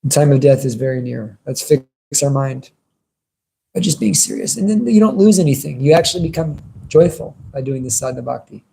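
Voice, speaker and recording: A man's voice: medium pitch, animated, fairly quick, creaky, dark tone, husky. A man giving an informal devotional sermon as a religious teacher, conversational and earnest in his delivery.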